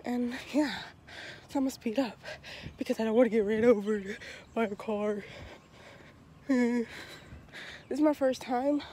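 A woman's voice: fairly high pitch, unhurried, long pauses, dark tone, slight background noise. A young woman chatting casually to her phone camera while walking outdoors, out of breath and joking about herself. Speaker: vlogger. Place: outdoors on a foggy neighborhood street. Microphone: handheld phone camera.

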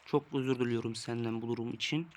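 A man's voice: mid-range voice, steady tone, fast, darkish tone. A young man commenting on his mobile game session, exasperated and ranting about losing, with faint noise and clicks behind. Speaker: gaming YouTuber. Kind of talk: casual gameplay commentary.

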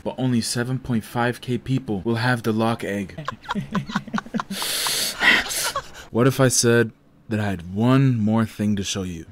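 A man giving casual gameplay commentary as a gaming YouTuber, melodramatic and self-pitying with loud outbursts. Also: medium pitch, heavy background noise. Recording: loud background music under voice. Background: game music.

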